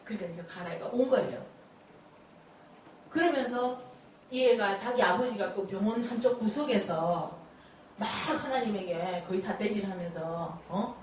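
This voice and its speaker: A woman's voice: mid-range voice, measured pace, long pauses, a little hiss or hum. A woman telling folksy testimony stories as a Bible study teacher. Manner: animated, folksy storytelling with frequent laughs. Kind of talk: storytelling testimony sermon. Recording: very echoey room, distant mic.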